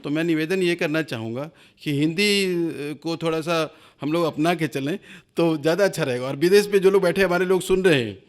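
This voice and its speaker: Earnest man hosting a webinar, pleading. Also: a little high. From India. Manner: earnest, pleading, with many pauses and hesitations. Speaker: webinar host. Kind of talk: formal speech to an online seminar.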